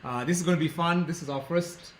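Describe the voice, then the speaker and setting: A man's voice: fairly high pitch, fast talker, slight background noise. Chatty man in his fifties, echoey room. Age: 50s. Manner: chatty, self-deprecating, laughs often. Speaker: co-host. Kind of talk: casual chat.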